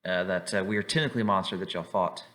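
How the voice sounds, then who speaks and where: A man narrating a tabletop game as game master. He rambles through his descriptions with plenty of "like"s and "uh"s. His voice sits a little low but sounds bright and forward. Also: a little fast. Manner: rambling, full of "like" and "uh".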